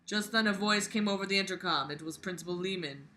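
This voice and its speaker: A woman with a medium-pitched, sharp voice reads a book aloud at a fast clip, mocking it with profane commentary. Sarcastic and exasperated, she hosts a comedic book-reading series and delivers everything theatrically, with exaggerated emphasis and sudden outbursts.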